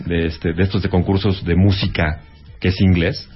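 A man's voice: deep voice, flat delivery, normal speed, husky, lo-fi sound, soft background music. A man co-hosting radio in casual chat, hesitant and restarting phrases.

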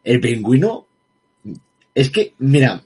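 A man's voice: mid-range voice, very animated, slow, a little mellow, slightly rough. A man co-hosting a casual film review chat, heated and emphatic, swearing freely. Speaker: podcast co-host reviewing a film.

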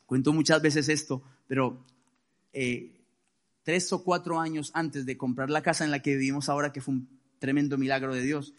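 Man, pastor, sermon, high-pitched, emphatic, calls for responses. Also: steady tone, moderate pace. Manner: emphatic preaching, calls for responses, varies volume widely.

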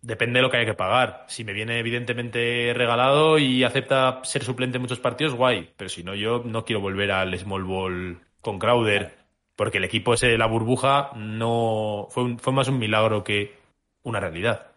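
A man's voice: medium pitch, fairly even intonation, moderate pace, a bit bright. Musing basketball fan, man. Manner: musing, hesitant, restarts often. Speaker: podcast co-host. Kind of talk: casual podcast chat.

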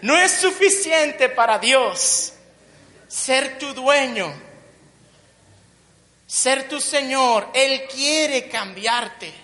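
A woman's voice: sits high, expressive, very slow, pauses often, a bit bright. A woman preaching a sermon, building emphatic repeated phrases and tossing in joking asides. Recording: long reverb of a large hall.

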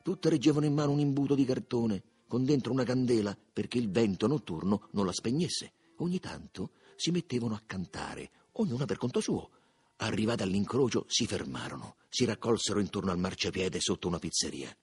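A man narrating a literary audiobook in a measured, expressive reading. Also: fairly low pitch, slightly rough. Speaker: audiobook reader.

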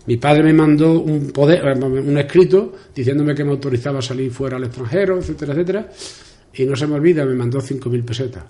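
A man's voice: mid-range voice, fast talker, dark tone. An older man from Spain with an Extremaduran accent, telling a long story in a rambling way as a radio interview guest, repeating words and acting out past conversations. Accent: Extremaduran Spanish. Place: local radio studio.

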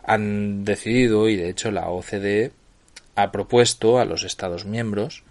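A man's voice: lowish voice, steady tone, normal speed. A middle-aged man from Spain with a Spanish accent, hosting a solo podcast and explaining things while often checking in with his listeners. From Barcelona, Spain. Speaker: podcast host.

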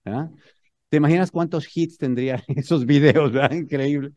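A man with a Mexican accent telling a humorous story to an audience in an animated, motivational speaking style. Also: a little high, moderate pace, no room sound, highs cut off.

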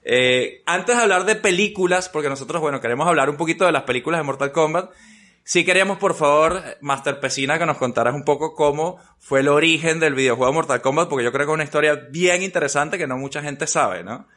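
A man's voice: fairly high pitch, fast talker, a bit bright. A middle-aged man hosts a casual podcast interview, chatting freely, repeating himself and often checking with short tag questions. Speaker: podcast host.

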